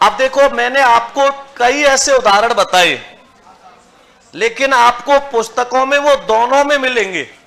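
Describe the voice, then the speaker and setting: In a classroom lecture on Hindi grammar, a man with a very high, sharp voice quizzes students and has them repeat lists after him. He drills the lists slowly, syllable by syllable.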